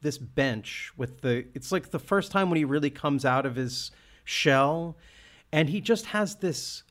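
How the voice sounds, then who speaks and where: A man's voice: a little high, lively intonation, a little slow, fairly bright tone. A man hosting a casual film discussion, talking with enthusiasm and restarting often as he searches for words. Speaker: podcast host.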